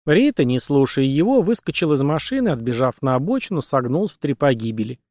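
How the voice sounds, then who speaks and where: A man reading an audiobook aloud in an expressive, dramatic manner. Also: mid-range voice, fast talker, dry recording, studio quality. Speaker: audiobook narrator.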